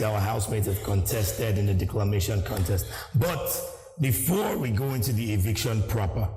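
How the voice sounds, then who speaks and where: A man's voice: medium pitch, darkish tone. Man hosting in an echoey hall. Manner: playful, theatrical. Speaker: reality show host. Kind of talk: stage presenting with joking banter. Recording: echoey hall, music behind. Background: music.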